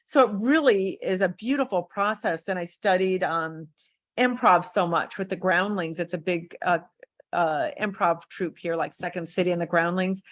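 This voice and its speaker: A woman talks as a podcast guest, telling her stories with lively energy and slipping into the voices of the people in them. The recording is dry and close, with a muffled, lo-fi tone. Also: fairly low pitch, moderate pace, dry recording. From United States. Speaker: life coach and guest. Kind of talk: podcast interview storytelling.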